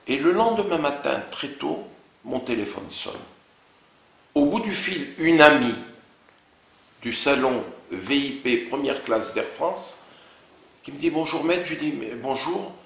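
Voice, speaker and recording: A man giving an interview, recounting events in lively storytelling and acting out the dialogue of the people involved. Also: on the high side, measured pace, creaky, pauses often, roomy sound. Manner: animated storytelling, quoting others' words in dialogue. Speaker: interview guest.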